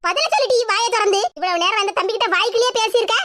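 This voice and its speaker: Shrill bossy cartoon mom, kanyakumari tamil, quick and scolding, a woman playing her. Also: no room sound. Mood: furious. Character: scolding middle-aged mother, hot-tempered. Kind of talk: animated cartoon voice acting.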